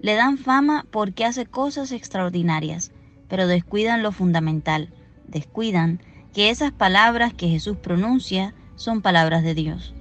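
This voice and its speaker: A woman reading a scripted Gospel reflection in a calm, measured way, on a dull lo-fi recording. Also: medium pitch, soft background music. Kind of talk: scripted devotional narration.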